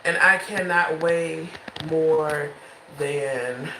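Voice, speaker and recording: A woman's voice: low-pitched, extremely slow, pushed and bright, echoey room, slight background noise, poor audio. A woman in her twenties talking casually and frankly in a late-night home vlog, rambling between thoughts, with the phone held in her hand. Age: 20s. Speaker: vlogger.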